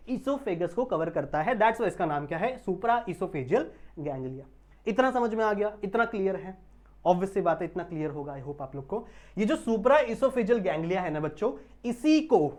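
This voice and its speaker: A man giving an online biology lecture. He keeps checking whether students understand, draws technical terms out slowly, and mixes English terms into his Hindi. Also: high-pitched. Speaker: biology teacher.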